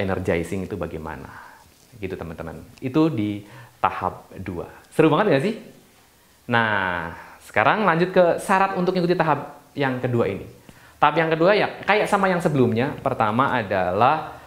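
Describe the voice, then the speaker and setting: A man who is a yoga teacher, explaining a teacher training course in a chatty, casual way with many fillers and restarts. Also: lowish voice. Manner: chatty, frequent fillers and restarts, self-deprecating asides. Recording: echoey room.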